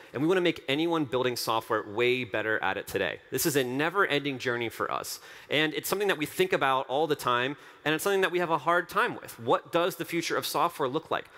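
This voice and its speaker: On a big darkened conference stage, a man in his thirties who co-founded a company gives the keynote speech over a headset mic. His medium-pitched voice has a sharp tone, and his earnest, enthusiastic delivery leans on repeated phrases for emphasis.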